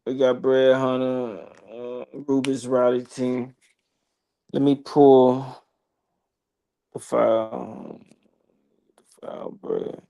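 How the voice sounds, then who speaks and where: A man's voice: mid-range voice, level tone, slow pace, vocal fry, pauses often, dark tone, poor audio. A man co-hosting a live fantasy football stream, laid-back and joking, swearing freely and talking through his picks. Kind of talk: casual live-stream banter.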